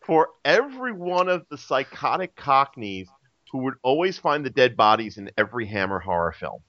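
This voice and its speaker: Male podcast guest, bright and lively, rattling off trivia, dull dry sound. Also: medium pitch, normal speed, no room sound. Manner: rattles off lists of facts, dry wit. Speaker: podcast panelist. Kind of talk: casual panel chat.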